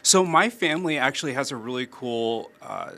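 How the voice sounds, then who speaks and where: Bright-voiced playful man TV host. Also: medium pitch, expressive. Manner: playful, enthusiastic, quick asides. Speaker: TV news host. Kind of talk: casual studio chat. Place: TV streaming studio.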